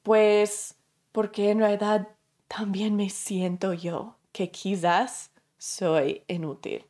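A woman's voice: medium pitch, level tone, slow, a little mellow. Woman teaching a class in easy conversational speech. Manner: explains through self-questioning and acted examples; conversational, with fillers and self-corrections. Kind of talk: spoken lesson to a class.

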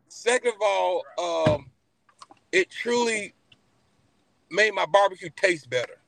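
A man with a Southern US accent telling stories casually as an interview guest, animated and folksy, repeating phrases for emphasis. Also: sits high, slow, creaky, pauses often, poor audio. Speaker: podcast guest, barbecue pitmaster.

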